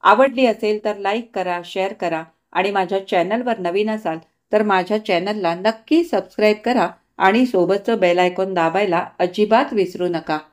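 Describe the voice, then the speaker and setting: A woman reading a short story aloud, with expressive, steady narration. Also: medium pitch, moderate pace, few pauses.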